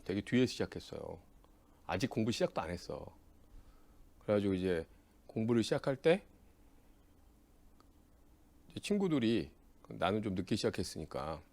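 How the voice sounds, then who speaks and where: A man's voice: lowish voice, fairly quick, creaky, pauses often. A man lecturing exam-prep students, telling personal stories in a blunt, teasing way and tagging his sentences with a questioning "eh?". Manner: acts out quoted dialogue in lively voices.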